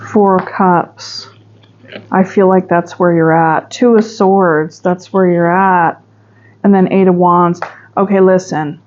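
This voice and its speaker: A woman's voice: fairly low pitch, a little mellow, dull audio. A woman giving a pick-a-pile tarot reading, musing and chatty with sudden emphatic bursts. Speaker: tarot reader.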